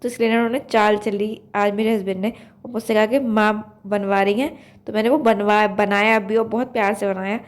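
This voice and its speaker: A young woman with a Uttar Pradesh Hindi accent, hoarse with a blocked nose from a cold, chatting in a rambling way as she narrates her home cooking vlog. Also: mid-range voice, steady tone, brisk. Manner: chatty, rambling, full of fillers. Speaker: vlog host. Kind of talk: casual cooking vlog voice-over.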